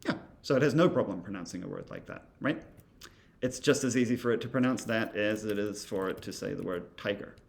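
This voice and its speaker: Gravelly male instructor thinking aloud. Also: on the low side, a little fast. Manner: thinking aloud, many fillers and asides. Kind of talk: casual walkthrough of software.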